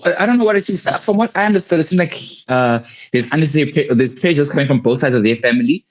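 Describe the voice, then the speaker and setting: A man around thirty, co-hosting a casual TV review chat, animated and joking. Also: a little high, fast. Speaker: co-host of a TV review show. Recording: dull lo-fi mic.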